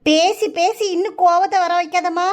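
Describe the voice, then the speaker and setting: Woman doing a super high cartoon village mom, scolding, southern tamil accent. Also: steady tone, moderate pace, noisy background. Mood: indignant. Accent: southern Tamil Nadu. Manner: reproachful, scolding. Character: indignant middle-aged village mother.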